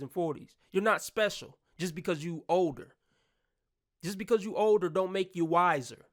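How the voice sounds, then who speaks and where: A man's voice: fairly high pitch, a bit bright. A man hosting his own channel, giving blunt, profane opinion commentary in a ranting manner.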